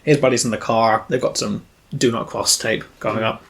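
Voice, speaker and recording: A man's voice: mid-range voice, steady tone, normal speed, fairly bright tone. A man, narrating as game master of a tabletop role-playing game in a wry, descriptive way.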